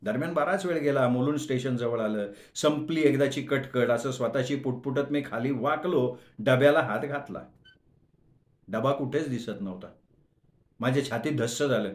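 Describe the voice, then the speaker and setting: A man narrating a humorous short story as a storyteller, in an expressive, dramatic way. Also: medium pitch, moderate pace. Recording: echoey room.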